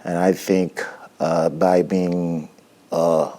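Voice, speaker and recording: A man from Haiti in his forties, speaking with a Haitian accent as a musician guest in a studio interview. He talks in a halting, reflective way and often restarts his sentences. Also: sits low, little pitch movement, mellow. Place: TV studio set. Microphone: lapel mic.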